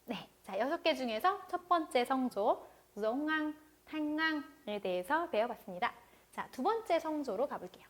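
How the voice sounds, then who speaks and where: A woman teaching an online language lecture, patiently repeating each word slowly so learners can follow. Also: high voice, lively intonation.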